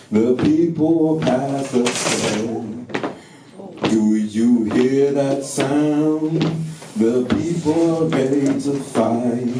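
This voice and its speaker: A young man performing a spoken-word poem in a workshop room with a slow, chanting sing-song delivery. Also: medium pitch, background noise. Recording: roomy, far from mic, loud music.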